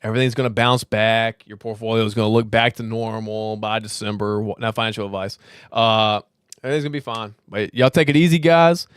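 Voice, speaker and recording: A man's voice: on the low side, fairly even intonation, brisk, clear, resonant tone, no room sound. Guy hosting a laid-back livestream, a little drunk, rambling and cursing, clean close sound. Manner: loose, rambling, swears freely, laughs often. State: tipsy, slurring slightly. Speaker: crypto livestream host. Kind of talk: casual livestream chat.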